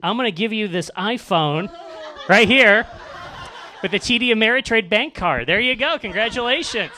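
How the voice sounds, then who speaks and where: A man's voice: high-pitched, expressive, moderate pace, bright, forceful tone, a little hiss or hum. A man hosting a live comedy roast on a club stage, joking with the crowd and reading emails in mock voices. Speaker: comedian host. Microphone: handheld mic.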